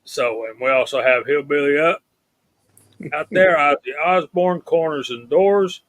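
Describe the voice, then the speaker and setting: Man hosting a casual online stream, unhurried, dry mic. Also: on the high side, no echo. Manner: reads out viewer names in a steady list. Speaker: live stream host. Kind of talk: casual live stream chat.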